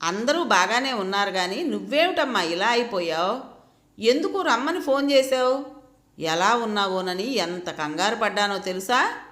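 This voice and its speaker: A woman voicing a hot-tempered grown daughter who talks in a rapid, indignant way, in an echoey room. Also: medium pitch, animated, fairly bright tone, lightly acted.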